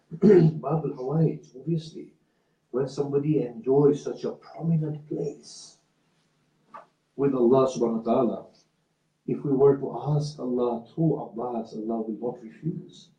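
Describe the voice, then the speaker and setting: A religious speaker delivers a sermon in a community centre hall, telling a story in a measured, slow, emphatic way, with passion rising whenever he quotes someone. His mid-range voice is mellow. The highs are cut off, and the roomy hall is captured from far away.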